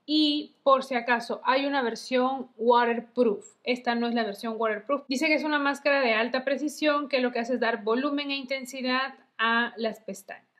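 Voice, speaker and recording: A woman's voice: high voice, steady tone, normal speed, few pauses, a bit bright. A woman reviewing makeup in a chatty, casual way, full of diminutives. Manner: chatty, uses many diminutives. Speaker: beauty vlogger.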